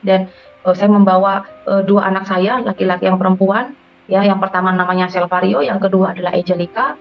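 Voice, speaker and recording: A woman's voice: medium pitch, steady tone, a little fast. A middle-aged woman with a Madurese accent gives an emotional personal testimony and keeps calling her listeners "Saudara". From Madura, Indonesia. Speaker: testimony giver. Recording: dull lo-fi audio with faint music.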